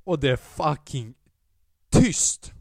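A man hosting a solo podcast, telling a stand-up story in a casual, profane and animated way and acting out the voices he quotes. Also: medium pitch, no room sound, studio quality. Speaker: podcast host and stand-up comedian.

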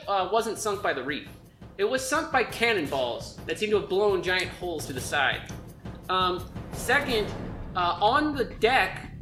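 A woman narrating a tabletop game as game master, descriptive and halting as she improvises. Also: medium pitch. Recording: roomy sound with music behind.

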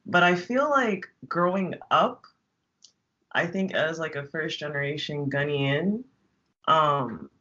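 A woman's voice: sits low, slow, bright, forceful tone, highs cut off. A woman from Maryland, a podcast guest reflecting in casual chat and often saying "like" and "sort of". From Maryland, USA.

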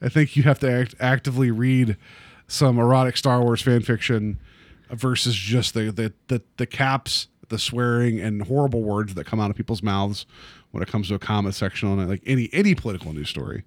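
A male podcast host chatting in an easy, joking way, laughing a lot and tripping over his words now and then. His voice sits at an ordinary pitch. It is recorded close and dry, with no room sound. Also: brisk, no room sound. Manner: joking, laughs often, hesitant restarts. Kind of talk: casual podcast chat.

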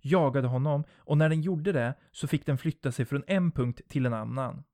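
A man's voice: mid-range voice, warm tone, no room sound, studio quality, natural voice. A man voicing a frightened but determined young woman stranded on a raft, speaking in terse, urgent lines in a horror audiobook. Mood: tense, urgent.

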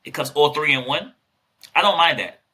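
A podcast co-host chats casually and playfully, joking and teasing his guest. His fairly high voice is bright and forceful, with lively intonation at a moderate pace.

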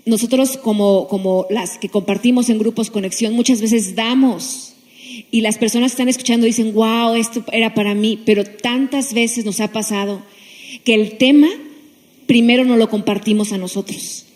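A woman's voice: on the high side, fairly even intonation, moderate pace, a little mellow, big-room sound. A woman pastor sharing earnestly and fervently about faith in a casual group talk.

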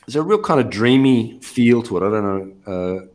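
A man hosting a casual album review, talking through each track in a measured, explanatory way and steering the discussion. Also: medium pitch, animated, a little mellow. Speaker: podcast host reviewing an album. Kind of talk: casual music review chat.

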